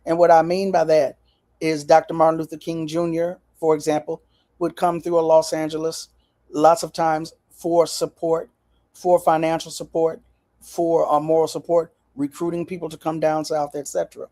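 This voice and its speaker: Lively folksy woman host, mellow voice. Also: deep voice, moderate pace. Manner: folksy, lively, talks straight to viewers. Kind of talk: casual chat to viewers.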